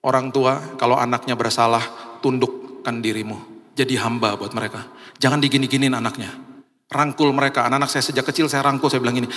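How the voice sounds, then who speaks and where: Male preacher, animated storyteller, mid-pitched voice, long church-hall reverb. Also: fairly quick. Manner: animated storyteller, acting out dialogue. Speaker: pastor. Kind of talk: sermon with acted-out story.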